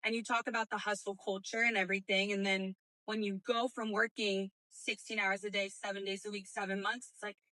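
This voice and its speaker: A woman's voice: medium pitch, level tone, brisk, few pauses, bright, forceful tone, dry recording, rough recording. A woman chatting casually on a wellness podcast, loose and slangy, with plenty of "like" and "you know". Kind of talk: casual chat.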